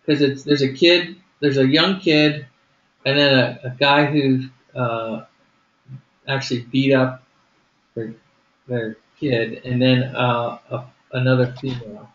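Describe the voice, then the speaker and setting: A man organizing a group over a call, walking through who plays which part and thinking aloud as he goes. His voice sits at an ordinary middle pitch. The sound is roomy and muffled, with a faint background hiss. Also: fairly even intonation, slow pace, a bit bright. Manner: explains step by step, thinking aloud. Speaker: group leader planning a skit. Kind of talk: casual planning on a group call.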